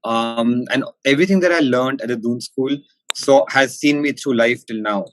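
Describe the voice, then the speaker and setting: Interview guest: male, posh Indian accent, formal and articulate, pausing to think, very dry close sound. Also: mid-range voice, no room sound, poor audio. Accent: posh educated Indian. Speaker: interview guest, company managing director. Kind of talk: interview answers, considered and explanatory.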